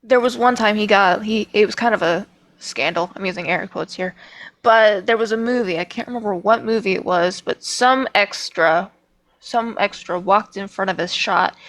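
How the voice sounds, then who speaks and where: A woman's voice: mid-range voice, a bit bright, poor audio. Opinionated woman chatting on a podcast. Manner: opinionated, emphatic storyteller. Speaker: podcast co-host. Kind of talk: casual chat.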